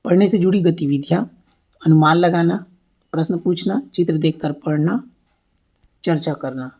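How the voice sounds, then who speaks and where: Low-voiced woman teaching a lecture. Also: moderate pace, dark tone, slightly rough. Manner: asks and answers her own questions, repeats key points. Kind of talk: exam-prep lecture over slides.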